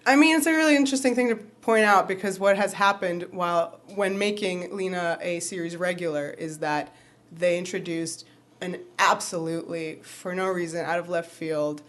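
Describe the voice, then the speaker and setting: Animated woman chatting on a podcast. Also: fairly low pitch. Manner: animated, laughing, quick asides. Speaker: podcast co-host. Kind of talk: casual fan podcast chat.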